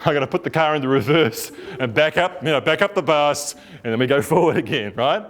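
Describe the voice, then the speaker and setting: A middle-aged couples therapist with a New Zealand accent speaks informally to a workshop group. His voice sits slightly higher than most men's. He talks in a relaxed, rambling way, restarting phrases and often checking in with the room. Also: brisk. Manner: conversational, lots of fillers and restarts, checks in with listeners.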